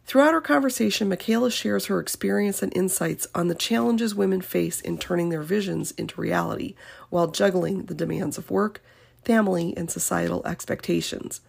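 Still recovering from a cold, this podcast host reads her scripted intro a little fast in a fairly low, gravelly, husky voice with a darkish tone. Despite the scratchiness, she stays upbeat and encouraging.

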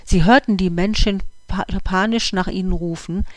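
Storybook narration, measured, mid-pitched voice, dry sound. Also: fairly even intonation, no room sound. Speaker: story reader.

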